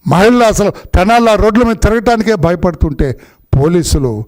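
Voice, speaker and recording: A middle-aged man with a notably high voice delivers a heated political speech. He scolds and accuses, hammering the same phrases again and again in an indignant tone. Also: normal speed. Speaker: politician at a press conference.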